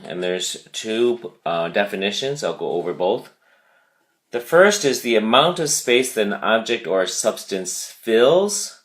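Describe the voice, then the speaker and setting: Male teacher for a vocabulary lesson, low-pitched and unhurried, spelling out each point. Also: a bit bright. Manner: slow, deliberate, repeats words for emphasis.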